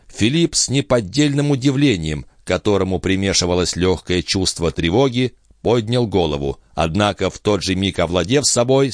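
Expressive male audiobook reader, low and animated. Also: no room sound, studio quality. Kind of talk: scripted narration.

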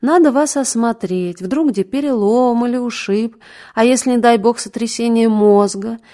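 A woman's voice: fairly high pitch, normal speed, mellow, natural voice. A woman voicing a brusque middle-aged male doctor who scolds sternly and fusses over a patient in a fatherly way. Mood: soothing. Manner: stern then fussing, fatherly.

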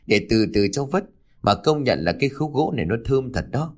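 A man's voice: medium pitch, sing-song, brisk, voice pushed up. A man voicing a sly young village man with a falsely cheerful manner in a ghost story reading. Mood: wheedling. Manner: falsely cheerful, later panicked.

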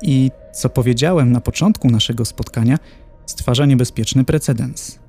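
A man's voice: mid-range voice, moderate pace, a little mellow, faint music behind, close to an everyday voice. A man playing a formal, clinical dignitary of hell who lists tortures in a horror audiobook.

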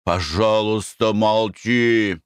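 A man voicing an irritable, sharp-tongued middle-aged wife in a storybook reading. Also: fairly even intonation, slow, clear, resonant tone, dry recording, studio quality. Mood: scolding. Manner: scolding, shrill.

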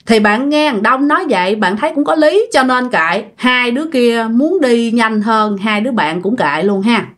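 Southern vietnamese woman telling a ghost story, kinda high voice, super expressive, chatty. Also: normal speed. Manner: chatty, addresses listeners directly. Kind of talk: casual ghost story retelling.

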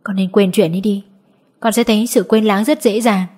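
A woman's voice: mid-range voice, moderate pace, lightly acted. Woman reading a stern middle-aged mother. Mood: tender. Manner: scolding, then soothing.

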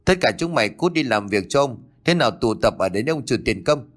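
A man voicing a hot-tempered middle-aged landowner who shouts and curses at his servants. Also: medium pitch, expressive, a little fast. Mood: angry shouting. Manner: shouting, cursing.

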